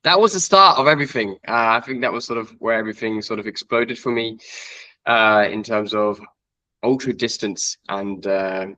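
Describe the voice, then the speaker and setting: A man's voice: on the low side, moderate pace, sharp tone, rough recording. A man in his twenties from Iceland, a guest trail runner chatting casually in an interview, rambling with many fillers and self-corrections. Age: 20s.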